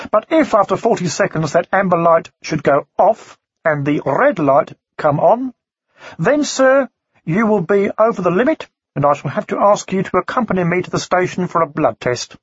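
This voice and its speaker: A man's voice: sits high, animated, moderate pace, breathy edge, no echo, voice pushed up, heavily acted. A man voicing a police constable who speaks in a coldly polite, officious way. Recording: dry, slightly dull recording.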